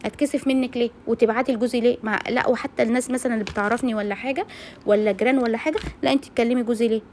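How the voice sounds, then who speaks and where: Direct, quick-fire Egyptian woman vlogging. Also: a little high, fairly even intonation, darkish tone, a little hiss or hum. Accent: Egyptian Arabic. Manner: rapid, outspoken, talks straight to female viewers. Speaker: cooking vlogger. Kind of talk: casual chat while cooking.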